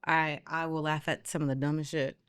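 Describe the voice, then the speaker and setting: A woman's voice: low voice, little pitch movement, fairly quick, a bit bright, smooth, dry recording, studio quality. A woman speaking emphatically and passionately in a casual podcast conversation.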